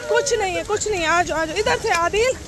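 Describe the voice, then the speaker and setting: A woman's voice: extremely high pitch, brisk. A woman vlogging with her family, frantically urging her children along and repeating prayers and reassurances, outdoors in a storm and then in a car. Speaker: vlogger, mother. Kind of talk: casual family vlog. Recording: loud crowd and rain noise.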